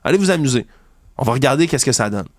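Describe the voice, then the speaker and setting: A Québécois French-accented man hosts a commentary show, ranting about a news story with indignation and sarcasm. He talks fast and animatedly, mocking opponents in high voices during this heated opinion piece. The recording is dry and studio quality.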